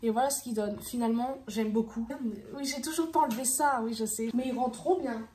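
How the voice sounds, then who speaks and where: A woman's voice: fairly high pitch, brisk, mellow, slight background noise. A woman chatting casually to her vlog audience at home, rambling and tripping over her words. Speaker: vlogger. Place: at home indoors.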